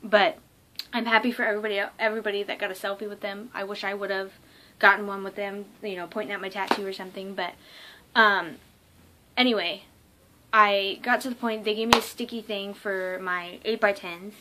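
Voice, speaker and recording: A young woman telling a casual vlog story, excited and rambling, with lots of ums and likes. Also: medium pitch, brisk, noisy background. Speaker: vlogger.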